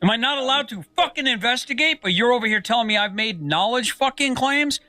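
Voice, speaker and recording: Male debater, hostile and profane, sharp high voice, dry close recording. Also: expressive, fairly quick, no room sound. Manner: angry, profane, insulting. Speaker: online commentator in a debate. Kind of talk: heated online argument.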